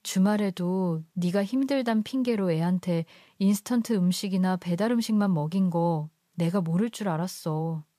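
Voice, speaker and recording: A woman voicing a stern, older grandmother who scolds in a low, pressing voice in a storybook narration. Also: dark tone, no echo, clean studio sound, close to an everyday voice.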